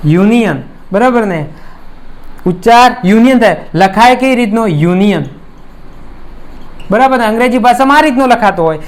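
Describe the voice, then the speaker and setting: A man's voice: extremely high pitch, lively intonation, brisk. A man with a Gujarati accent teaching an English grammar lesson, patiently explaining with examples and often asking "right?". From India. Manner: keeps asking "right?" to check understanding; addresses students as friends, explains patiently with examples.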